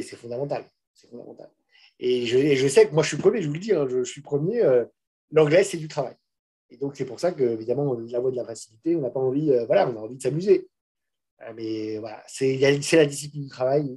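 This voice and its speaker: Middle-aged French speaker, casual and frank, lightly husky, warm, fairly high-pitched. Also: male voice. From France. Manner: frank, chatty, many restarts and fillers. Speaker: managing director and guest speaker. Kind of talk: casual master class talk to students.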